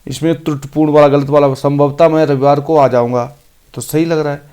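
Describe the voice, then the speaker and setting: A man teaching an exam-prep grammar lesson, reading each sentence out slowly and then explaining it briskly. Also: on the high side, steady tone, mellow, clear, resonant tone. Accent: Hindi.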